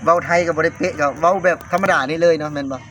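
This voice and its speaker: A man hosting a casual interview, talking quickly and repeating words. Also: fairly high pitch, fairly even intonation, fairly bright tone. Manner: quick, repeats words, fillers like nah and maen. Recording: background noise.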